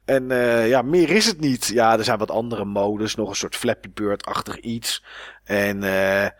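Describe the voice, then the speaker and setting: A man's voice: on the low side, unhurried, dry recording, clean studio sound. A man co-hosting a podcast in casual chat about games, rambling with many fillers and restarts. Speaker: podcast co-host.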